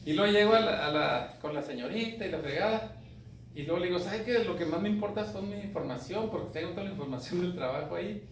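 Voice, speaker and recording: A man's voice: high voice, animated, fast. Profane Mexican man in an echoey room. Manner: profane, colloquial, often asks "me entiendes". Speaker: speaker on grief. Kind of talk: casual talk. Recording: echoey room, distant mic, faint noise.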